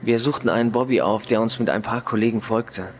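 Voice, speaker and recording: A man reading a first-person ghost story in a slow, measured, dramatic way. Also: fairly low pitch, fairly even intonation, a little hiss or hum. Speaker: story reader.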